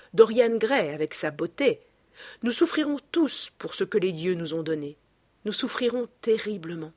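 A woman's voice: mid-range voice, breathy edge. A woman reading aloud as a young male painter, earnest and emphatic, guarding a secret.

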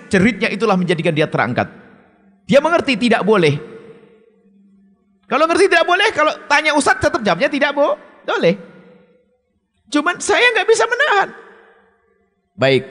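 A male preacher giving a sermon in answer to an audience question, speaking in an emphatic, stern way. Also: in a large hall. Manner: emphatic and stern, with sharp swings of pitch.

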